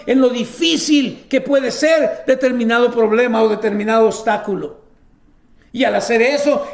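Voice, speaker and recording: A man's voice: very high voice, darkish tone, reverberant. A man preaching a sermon, reading scripture aloud and breaking in with emphatic exclamations.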